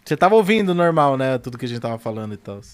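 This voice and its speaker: A man's voice: medium pitch, big pitch swings, racing, faint music behind. A man hosting a casual podcast chat, laid-back and full of slang. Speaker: podcast host.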